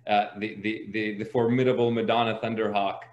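A man's voice: on the low side, little pitch movement, brisk, muffled recording. A man from Palestine speaking hesitantly, with many fillers and restarts, as a panelist in an online discussion from home. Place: home, video call. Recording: roomy video call audio.

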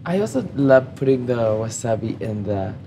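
A man's voice: mid-range voice, big pitch swings, moderate pace, warm tone. A young South African man chatting casually on a date over a meal, with a hesitant but eager manner. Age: young adult. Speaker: host on a mock date. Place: restaurant, indoors. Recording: clear background ambient noise.

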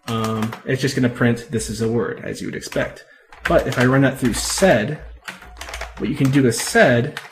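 A man talks through a coding tutorial in a loose, unscripted way, stopping to fix his wording and filling pauses with ums. His voice sits at an ordinary middle pitch for a man. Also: slight background noise. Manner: rambling, self-correcting, many ums. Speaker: tech video host. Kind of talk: casual screen-recorded tutorial.

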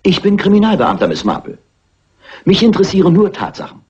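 An actor playing a skeptical police inspector, wearily polite and condescending, in a dubbed classic crime film. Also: male voice, sits high, wildly swooping pitch, fairly quick, darkish tone, a little hiss or hum. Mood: dismissive. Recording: dull vintage film soundtrack.

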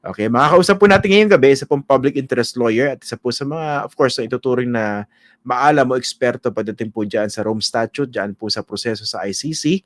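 Male host for a live news show, polite and formal, mid-pitched, dry close mic. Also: a little fast, dry recording. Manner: polite, uses respectful "po" often, with frequent "uh" fillers. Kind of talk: live online news interview.

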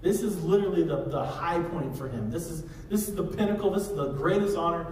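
Thirties male pastor, slightly higher voice, casual sermon delivery, roomy faint hiss. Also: brisk, darkish tone. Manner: conversational preaching, walks the stage gesturing. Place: large church sanctuary. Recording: echoey hall from far off.

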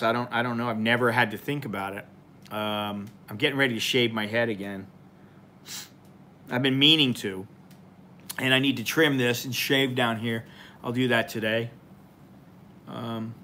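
A man in his forties hosts a loose, rambling live stream, chatting informally with his viewers and filling his pauses with "uh" and "um". His voice is bright and forceful. A faint hiss of room noise sits under him as he talks to a nearby camera in a small room. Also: mid-range voice. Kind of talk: casual live stream chat. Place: small indoor room with a plain wall.

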